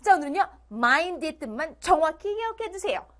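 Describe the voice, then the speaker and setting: Brief: high, bouncy female teacher voice, playful, acts out dialogue lines. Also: very animated, normal speed, fairly bright tone. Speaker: English teacher. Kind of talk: online lecture for middle schoolers.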